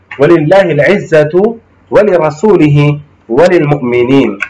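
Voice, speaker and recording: In a low-quality recording, a male Islamic studies teacher with a slightly high, slightly mellow voice lectures his class. He recites Quranic verses, explains Arabic terms, and checks in with the students.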